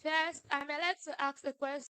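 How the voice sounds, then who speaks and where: Bright-voiced woman questioner. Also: high-pitched, fairly even intonation, no room sound. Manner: careful, deliberate questioning. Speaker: audience member asking questions. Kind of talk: press conference question.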